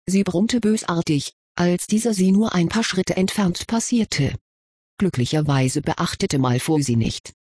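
A reader narrating a fan-written fantasy story in a steady, even way. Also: medium pitch, a little slow, breathy edge, dry recording, clean studio sound. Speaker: audiobook reader.

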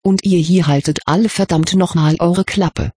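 A reader voicing a brusque, hurried young male wizard with a sarcastic, impatient way of talking, in an audiobook. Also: medium pitch, steady tone, dark tone, slightly rough, dry recording, clean studio sound, lightly acted. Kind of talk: audiobook character reading.

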